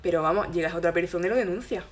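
A young woman, a podcast guest who tells her stories in a lively, expressive way. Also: fairly low pitch. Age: young adult. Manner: fast, lively, expressive storyteller. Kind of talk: casual chat.

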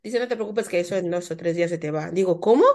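A woman telling a personal story in casual chat, animated and full of repetitions and asides. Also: lowish voice, fast. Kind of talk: casual chat about motherhood.

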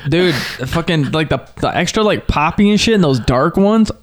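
A man's voice: a little high, expressive, moderate pace. A young man hosting a podcast with casual banter in a slangy, sweary frat-bro manner. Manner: frat-bro talk, says bro and dude, heavy swearing. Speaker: podcast host.

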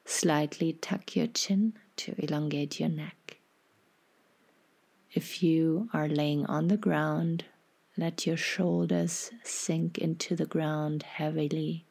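A woman guiding a meditation in a soft, breathy half-whisper, calm and unhurried, giving soothing instructions. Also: low-pitched. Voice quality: soft, husky, breathy, often slipping into whisper. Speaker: podcast host and meditation guide.

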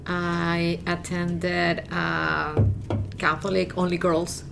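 A woman's voice: lowish voice, monotone, very slow, vocal fry, background noise. A woman in her fifties from Colombia, chatting earnestly as a guest in a casual interview, laughing easily. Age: 50s. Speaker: guest, real estate agent and artist.

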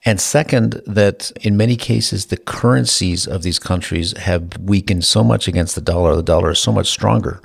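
With a low, husky voice, vocal fry, and few pauses, a man speaks at normal speed. He co-hosts a casual podcast, dryly humorous as he breaks down food prices and global trade.

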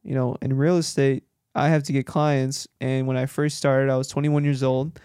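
A man, a podcast host who works in real estate, chatting casually and telling animated stories. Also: mid-range voice, moderate pace, smooth, no echo, studio quality. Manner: animated storyteller who acts out quoted dialogue.

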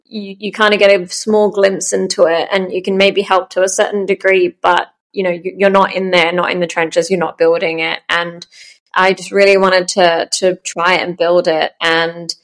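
A woman, a startup founder chatting in an interview, full of ums and soft laughs. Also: lowish voice, flat delivery, normal speed. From Australia. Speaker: startup founder, podcast guest. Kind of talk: casual interview chat.

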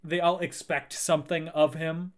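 A man's voice: a little high, moderate pace. A man co-hosting a casual podcast, recounting a film's plot and acting out lines from it. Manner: recounts plot, acts out quotes with lively jumps. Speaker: podcast co-host. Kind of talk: casual film recap chat.

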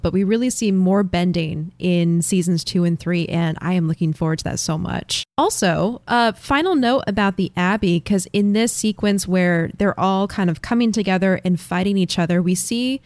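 A woman's voice: medium pitch, no room sound. A woman co-hosting a podcast, talking through story moments in an enthusiastic, reflective way. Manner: thoughtful, enthusiastic, laughs often. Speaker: podcast co-host. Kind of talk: casual chat, reflective commentary.

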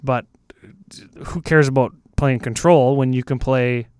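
A man's voice: medium pitch, steady tone, a little slow, clean tone, no echo, clean studio sound. A man co-hosting a podcast in casual chat from a small broom closet, laid-back and joking, sometimes losing his train of thought. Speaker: podcast co-host. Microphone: good studio mic.

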